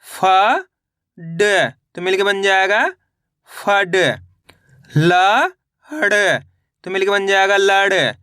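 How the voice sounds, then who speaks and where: A man's voice: high-pitched, steady tone, drawn-out words, pauses often, pushed and bright, smooth, no room sound, clean studio sound. A man teaching a reading lesson, sounding out letters one by one and patiently asking listeners to repeat after him. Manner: patient, repetitive drilling with call-and-repeat prompts.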